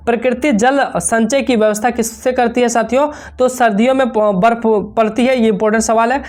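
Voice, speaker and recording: A woman with a somewhat high voice runs an exam revision lesson, reading out one question after another and answering it straight away. She keeps calling out to her students and leans on repetition and playful tricks to make the answers stick. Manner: rapid question-and-answer drilling, constantly addressing students. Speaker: exam coaching teacher.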